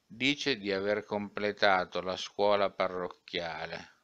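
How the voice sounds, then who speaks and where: A man's voice: deep voice, slow pace, a bit bright, clean tone, lo-fi sound. A man voicing a sly, beaming middle-aged male editor who asks brief, teasing questions in an audiobook. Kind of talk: audiobook character reading.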